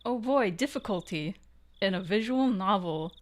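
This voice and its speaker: A woman's voice: mid-range voice, expressive, normal speed, a little hiss or hum. A woman co-hosting a game playthrough, chatting casually as she plays a visual novel. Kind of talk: casual chat while playing a visual novel.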